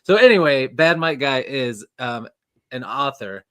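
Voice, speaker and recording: A man's voice: mid-range voice, lively intonation, unhurried, fairly bright tone, no room sound, clean studio sound. Chatty, rambling man hosting a live chat. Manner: chatty, rambling, laughs often. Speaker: host. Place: storage room next to a furnace.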